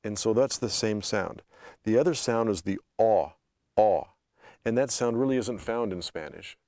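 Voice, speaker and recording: Low-voiced North American man teaching. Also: moderate pace, darkish tone, dry recording, clean studio sound. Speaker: language teacher and host. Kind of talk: explaining pronunciation.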